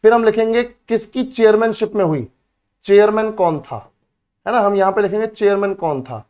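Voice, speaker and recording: High-voiced male teacher drilling students. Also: normal speed, a little mellow. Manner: repeats key words for drilling, calls students beta and bhai; asks students questions then answers himself. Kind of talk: exam-prep history lesson.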